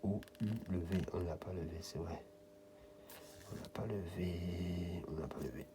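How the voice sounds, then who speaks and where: A man's voice: low voice, unhurried, noisy background. A French man giving casual running commentary, muttering and half-whispering letters as he checks a card. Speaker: scratch-card vlogger.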